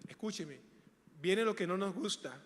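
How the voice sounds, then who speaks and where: A pastor preaching a sermon, swinging from hushed lines to loud rhetorical questions. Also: male voice, sits high, normal speed. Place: large church hall. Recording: echoey church hall.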